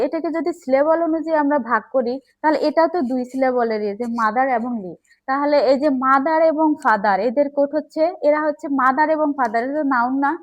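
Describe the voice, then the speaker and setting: Teacher, woman, high voice, patient step-by-step classroom explaining. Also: highs cut off. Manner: explains step by step, checks with "okay?". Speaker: English teacher. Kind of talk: classroom grammar lesson.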